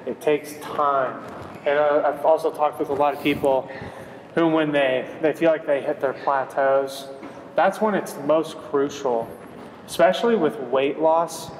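A man's voice: a little high, measured pace. A man working as a fitness trainer, coaching a workout with an upbeat, encouraging manner and counting reps. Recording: echoey hall with background noise.

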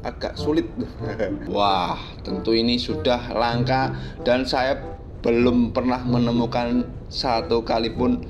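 Male motovlogger, casual jokey riding commentary, mid-pitched, clear music bed underneath. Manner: chatty, jokey, addresses viewers as "Lur". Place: on a motorbike on village roads, outdoors. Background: background music.

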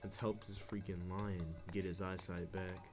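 Low-voiced male gamer over music. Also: little pitch movement, normal speed. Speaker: gamer playing and commenting. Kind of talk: casual game commentary. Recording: game music behind the voice.

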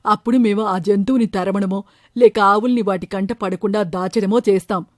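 A woman's voice: mid-range voice, steady tone, normal speed, dry recording, clean studio sound, pitched below the performer's own voice, natural voice. A woman voicing a worried, caring village father who herds cows, in a storybook tale. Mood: earnest. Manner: earnest, worried.

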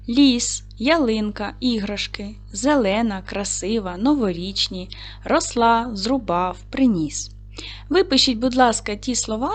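Patient Ukrainian-language teacher woman. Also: a little high. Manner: patient, questioning, spells out sounds and syllables slowly. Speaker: primary school teacher. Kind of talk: recorded video lesson for children.

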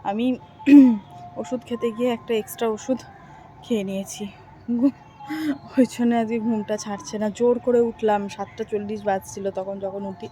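A middle-aged woman vlogger chatting casually and softly about her day at home. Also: mid-range voice. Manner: chatty, homely, soft-spoken. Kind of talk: casual vlog chat.

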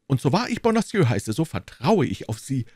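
Casting: a man doing a timid, fussy landlord, high and strained, eager to please, in a lively sing-song and a dry, close sound. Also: brisk, slightly rough, no room sound. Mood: fretful. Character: anxious, fussy middle-aged male landlord. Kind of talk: audiobook reading.

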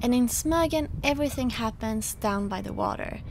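A woman's voice: a little high, moderate pace, creaky, noisy background. A young woman with a Swedish accent, chatting casually about sailing for her vlog. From Sweden. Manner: relaxed, chatty, many fillers. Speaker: sailing vlogger. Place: sailboat cockpit and dockside outdoors.

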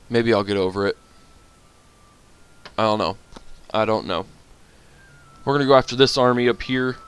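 A man's voice: on the low side, vocal fry, fairly bright tone, clear, resonant tone. A man commenting casually on his strategy game as he plays, grumbling at setbacks and talking to his units. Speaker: gaming channel host.

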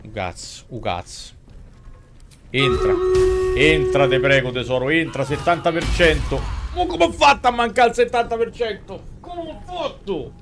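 A man in his thirties with a Roman accent streams a game from his desk indoors, game music playing behind him. His voice is on the high side and sing-song at a measured pace as he delivers slangy, exclamatory commentary to his chat and the characters.

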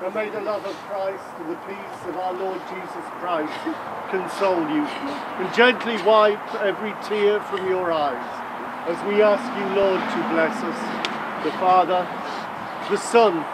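A middle-aged man, a priest, speaking a solemn, measured graveside prayer in formal liturgical phrasing. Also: high voice, fairly even intonation, far from the mic. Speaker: priest leading a burial service. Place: outdoors at a cemetery graveside. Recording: outdoor recording with background noise.

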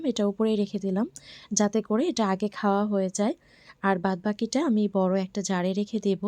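A hoarse woman from Bangladesh in her thirties narrates her home vlog in a quiet, soft voice. Her tone is warm and mellow. The sound is close and dry, with no room around it. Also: medium pitch, dry recording. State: hoarse from a cold. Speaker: vlogger. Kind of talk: casual voice-over narration.

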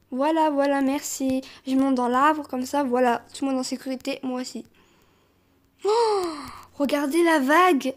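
A young woman narrating a video game as she plays, animated, often squealing and laughing. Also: high voice. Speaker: gaming YouTuber. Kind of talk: excited let's-play commentary.

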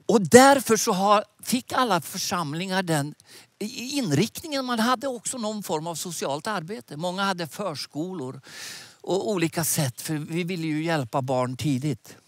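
A man in his sixties preaching a sermon outdoors with animated gestures, speaking into a headset mic. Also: high-pitched, dry recording. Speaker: preacher and mission leader. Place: outdoors by a lake.

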